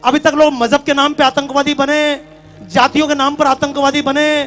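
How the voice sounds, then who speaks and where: Impassioned man with a very high voice. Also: little pitch movement, normal speed, fairly bright tone. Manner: impassioned, fires rhetorical questions at the crowd. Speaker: religious speaker addressing a crowd. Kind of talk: fiery public speech. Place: large tent gathering.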